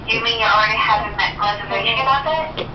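A woman's voice: on the high side, brisk. A woman working as a hotel receptionist, handling a customer call over a phone. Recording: muffled distant speakerphone, echoey, noisy.

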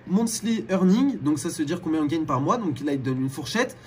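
A man's voice: on the high side, animated, a little fast, darkish tone, slight background noise. A man from France, a YouTuber co-host, casually explaining things to his viewers with many restarts and fillers.

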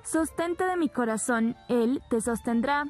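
A woman's voice: fairly high pitch, measured pace, soft background music, close to an everyday voice. A woman reading the lines of a young woman pleading for her love in an earnest, slightly raised voice.

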